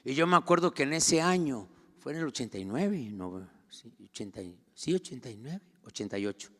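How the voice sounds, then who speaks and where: A middle-aged man with a Mexican Spanish accent, preaching a sermon as pastor. He moves between quiet personal storytelling and loud, fervent outbursts. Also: medium pitch, big pitch swings, a little fast. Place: church. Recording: long reverb of a church hall.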